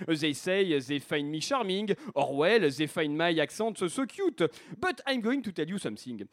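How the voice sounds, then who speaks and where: A man's voice: fairly high pitch, sing-song, measured pace, no echo, clean studio sound. A man voicing the French accent as a smug charmer, speaking English with a heavy French accent. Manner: smug, suggestive.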